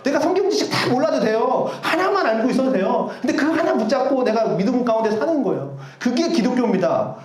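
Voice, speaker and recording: A man preaching a Sunday sermon as pastor, animated and earnest with self-deprecating humor. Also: extremely high pitch, quick pace, few pauses, a little hiss or hum. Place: church sanctuary. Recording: roomy church echo.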